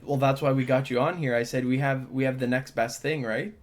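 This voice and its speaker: A man's voice: medium pitch, fairly even intonation, brisk. A man hosting a podcast, opening the show and chatting in a friendly, enthusiastic way. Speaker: podcast host.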